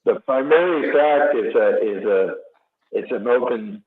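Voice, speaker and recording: A man's voice: medium pitch, lively intonation, unhurried. A man with a West Coast Californian accent talks casually in a group in a lazy, beachy drawl. His voice comes through a narrow, tinny connection like a phone call. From California, United States.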